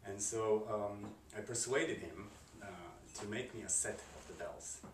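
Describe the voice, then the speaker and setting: Deep-voiced man with Slovak accent. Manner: halting, full of fillers and restarts. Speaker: composer and curator. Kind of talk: interview answers. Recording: roomy, distant mic, noisy background.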